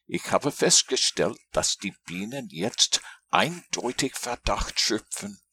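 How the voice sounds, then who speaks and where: A man voicing a simple, earnest, honey-loving toy bear in a storybook read-aloud, in a slow, plaintive, raised voice. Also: medium pitch, big pitch swings, pushed and bright, slightly rough, no echo, voice pushed up, full character voice.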